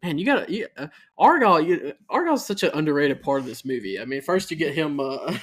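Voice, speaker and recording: A man's voice: a little high, very animated, fast. A man co-hosting a casual movie podcast, rambling, laughing often and losing his train of thought. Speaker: podcast co-host.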